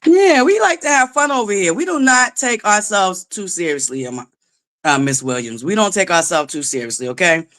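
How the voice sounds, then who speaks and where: A woman hosting her own live stream, talking in a loud, boisterous and sassy way, sometimes bursting into shouts. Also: medium pitch, animated, normal speed. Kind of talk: casual live-stream commentary.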